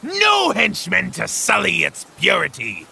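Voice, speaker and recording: A shrill, theatrical maniac villain. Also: male voice, huge pitch swings, measured pace, gravelly, pushed and bright, slight background noise, exaggerated voice. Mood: gloating, theatrical. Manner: theatrical, gloating, sing-song. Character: gleeful, theatrical maniac clown villain, male. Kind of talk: comic dub voice acting.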